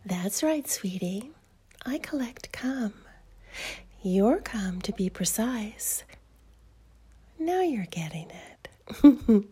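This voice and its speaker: A woman voicing a teasing, doting adult female fairy in a whispered audio roleplay, with a soft breathy whisper and slow, coaxing delivery. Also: on the high side, sing-song, full character voice.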